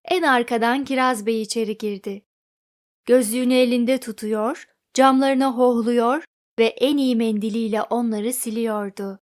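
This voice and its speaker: A woman narrating a children's storybook in an expressive read-aloud manner. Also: on the high side, moderate pace.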